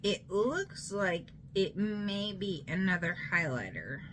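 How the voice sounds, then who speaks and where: A woman's voice: lowish voice, big pitch swings, slow, a bit bright, slight background noise. A tipsy woman, rambling loosely and playfully through a casual makeup unboxing vlog. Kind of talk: casual rambling product show-and-tell.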